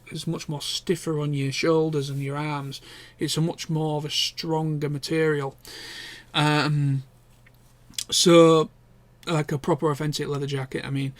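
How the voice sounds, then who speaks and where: A man vlogs in a rambling, easygoing chat, often stopping to correct himself and dropping the occasional swear word. His voice sits a bit higher than most men's. The sound is dry and close, with no room echo. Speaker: vlogger. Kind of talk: casual chat.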